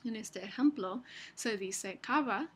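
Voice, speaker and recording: Slow, husky woman lecturing. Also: on the high side, a bit bright. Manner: slow, explanatory, with frequent fillers and restarts. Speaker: university lecturer. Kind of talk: recorded lecture.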